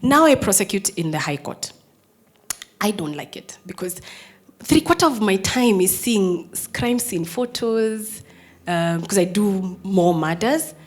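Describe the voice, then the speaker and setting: Her pace measured and her medium-pitched voice expressive, this woman in her thirties, a Kenyan prosecutor, tells a personal story to an audience. The firm, strong delivery alternates between near-whispers and loud, emphatic lines.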